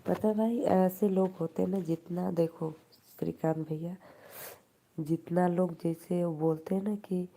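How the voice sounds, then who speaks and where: A woman's voice: lowish voice, fairly even intonation, a little slow, creaky, warm tone. A woman with an Awadhi accent hosting a live stream, chatting casually with viewers, teasing them and laughing often.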